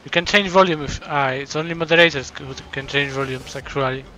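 A man streaming live and chatting casually, thankful and excited, often stumbling and repeating his words. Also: a little high, fairly quick, low-quality recording.

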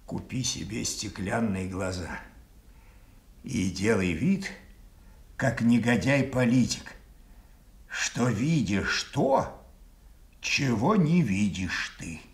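An actor playing a mad old king, imperious and bitterly rambling, with deliberate, mocking declamation in a classical radio tragedy. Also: on the low side, animated. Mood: bitter raving. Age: older. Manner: declamatory, deliberate, shifting between mockery and command.

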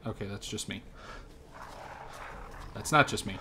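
A man hosting a horror game playthrough, grumbling, swearing often and sometimes shouting when startled. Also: lowish voice, a little slow, noisy background. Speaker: host. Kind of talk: profane gaming commentary.

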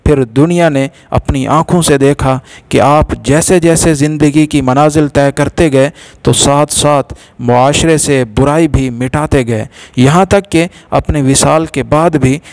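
A man narrating a religious story in a measured, formal storytelling manner. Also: a little high, steady tone, darkish tone, no echo.

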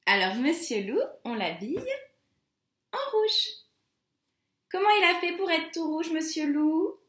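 A woman teacher recording a lesson for young children, gentle and sing-song, spelling out letter shapes. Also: very high-pitched, lively intonation, a little slow. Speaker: schoolteacher. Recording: roomy echo.

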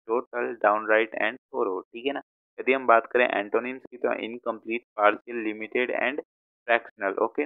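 A man's voice: mid-range voice, clean tone, no room sound, narrow, tinny audio. A man with an Indian accent teaching vocabulary, explaining word meanings patiently, mixing Hindi and English and often checking that the listener follows. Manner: patient, repeats words, frequent check-ins.

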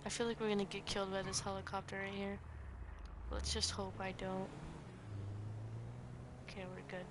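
A woman doing casual gameplay commentary, thinking aloud into a cheap, breathy-sounding microphone. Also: medium pitch, level tone, moderate pace, pauses often. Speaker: gaming video host. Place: bedroom, lying in bed. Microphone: cheap, poor-quality microphone. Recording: noisy cheap mic, breathing audible.

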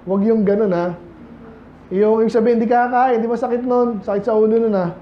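Speaking a little quickly in a high voice with fairly even intonation, this pastor from the Philippines preaches in a relaxed, chatty way, frequently throwing rhetorical questions at his congregation. The clip was captured in an echoey church sanctuary, with a slightly dull sound and faint background noise.

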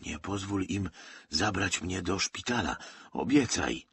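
A man's voice: sits low, expressive, measured pace, a bit bright, breathy edge, heavily acted. A man voicing a feverish, frightened young soldier in an audiobook who talks in a breathless, urgent whisper. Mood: pleading.

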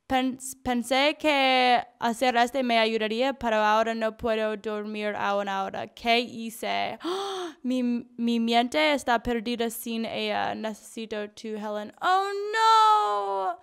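A woman's voice: fairly high pitch, steady tone, slow, creaky, few pauses, clear, resonant tone. A woman commenting as she plays a horror game, reading notes aloud and reacting with gasps and screams. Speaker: gamer playing a horror game.

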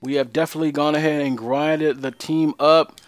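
A man's voice: a little high, fairly even intonation, moderate pace, no echo. A young man casually commentating a video game he plays, joking and talking to his viewers. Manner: joking, chatty, talks to viewers. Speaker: let's play host.

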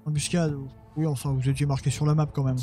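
A man's voice: on the high side, flat delivery, fast talker, music in the background. Man mumbling through a strategy game. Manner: muttering, self-mocking, talks to his units. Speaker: let's play gamer. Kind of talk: casual gameplay commentary.

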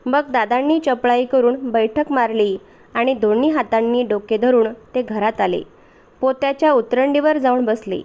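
A woman reading a short story aloud as a storyteller, in a steady, expressive storybook manner. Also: on the high side, normal speed.

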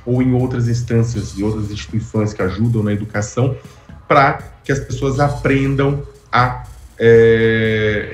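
A man in his thirties answers in an interview over a webcam from a home room, his voice carrying a roomy echo. He talks in long explanatory runs, stopping and restarting often, then pushing his pitch up on key points. Faint music sits underneath. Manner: hesitant, restarts often, rising emphasis. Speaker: interview guest. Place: home room with framed pictures on wall. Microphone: webcam video call.

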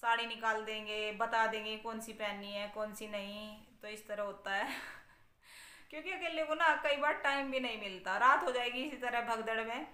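A chatty woman from India talks casually to her viewers in a home vlog, in a somewhat high, bright voice. Her talk is recorded in an echoey room. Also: normal speed. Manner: chatty, conversational, asks viewers for opinions. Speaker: family vlogger, mother of sons.

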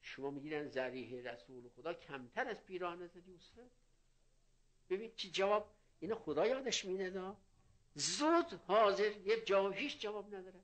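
An older male cleric giving a sermon, reading Arabic phrases and explaining them in plain words, with anecdotes. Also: sits high. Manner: explains Arabic quotes in Persian, tells anecdotes. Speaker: cleric preacher. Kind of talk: religious sermon.

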